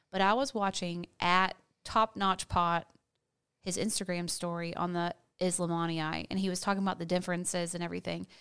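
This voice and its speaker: A woman's voice: on the low side, fairly bright tone, clear, resonant tone. A woman chatting casually to viewers like a video blogger telling a story, gossipy and candid, stressing points by repeating words.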